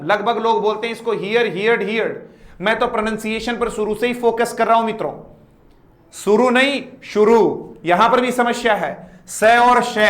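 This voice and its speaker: A man teaching a live online English grammar class in Hindi. He reads English example sentences slowly and then explains them in Hindi, playfully correcting mispronounced words. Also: high voice, fairly bright tone, roomy sound.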